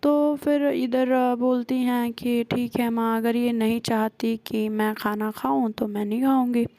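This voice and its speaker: Gravelly woman retelling a story. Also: a little high, steady tone, measured pace, dark tone, no room sound. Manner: retells scenes with quoted dialogue, frequent hesitations. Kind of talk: casual spoken story retelling.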